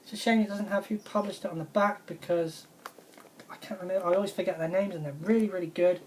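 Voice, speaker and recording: A woman with a fairly low voice, chatting casually about retro games she loves. She gushes and rambles, circling back to the same praise again and again. A faint hiss sits under the recording. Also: fairly even intonation, fast talker, a little mellow. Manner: enthusiastic, rambling, repeats praise. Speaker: video game vlogger. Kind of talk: casual video game review vlog.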